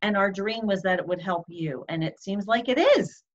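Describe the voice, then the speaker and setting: A woman's voice: medium pitch, brisk. A woman co-hosting a casual online show, effusive and bubbly, laughing often. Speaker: co-host. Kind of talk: casual chat. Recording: slightly dull lo-fi sound.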